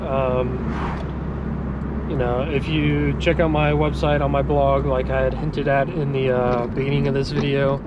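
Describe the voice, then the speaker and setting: A young man talking casually and haltingly in a vlog, out in the wind by the road. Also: medium pitch, flat delivery, dull audio. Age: young adult. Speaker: car vlogger. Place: outdoors in wind, in or by a car. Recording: very loud wind and car noise.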